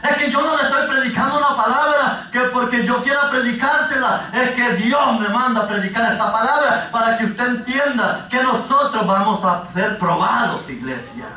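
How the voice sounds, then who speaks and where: A man preaching a fervent sermon as pastor, often rising to a shout. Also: very high voice, moderate pace, hardly any pauses. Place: church. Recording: echoey church hall, from far off.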